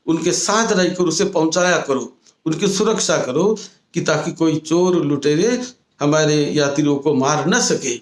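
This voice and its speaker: A man, a Buddhist monk, telling a moral story in a sermon, retelling it slowly and often restating his phrases. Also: on the high side, echoey room.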